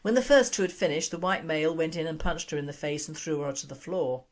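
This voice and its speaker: A woman giving a somber, measured news narration. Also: sits low. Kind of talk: scripted narration.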